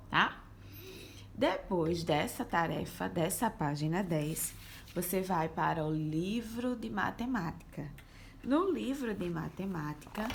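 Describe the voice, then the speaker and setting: A woman's voice: on the low side, creaky, slight background noise. A woman teaching young children, explaining a worksheet patiently step by step and sounding out syllables. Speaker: primary school teacher.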